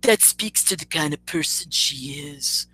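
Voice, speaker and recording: A woman lowering her voice to mock a smug young man dismissing his critics. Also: measured pace, sharp tone, breathy edge, no room sound, heavily acted. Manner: sneering, mocking.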